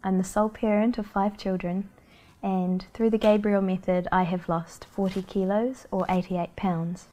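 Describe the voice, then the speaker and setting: Flat, mellow woman in her thirties. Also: mid-range voice, moderate pace. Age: 30s. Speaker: testimonial speaker.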